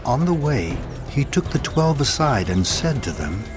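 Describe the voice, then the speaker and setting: A man narrating a dramatized Bible reading in a steady, clear storytelling manner. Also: medium pitch, a little slow. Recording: narration over music bed.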